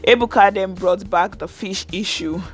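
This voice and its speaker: A man's voice: high-pitched, moderate pace, soft background music. A man recapping a reality show reunion in a casual vlog. He chats along, retelling who said what and trailing off with "and all", and breaks in with exasperated asides to his viewers. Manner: chatty, retells what was said, many "and all" fillers.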